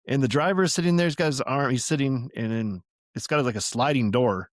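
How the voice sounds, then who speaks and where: A man's voice: mid-range voice, fairly quick, dry recording, studio quality. An older man hosting a podcast, reading a family memoir aloud and drifting into chatty, rambling asides that he corrects as he goes. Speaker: podcast host.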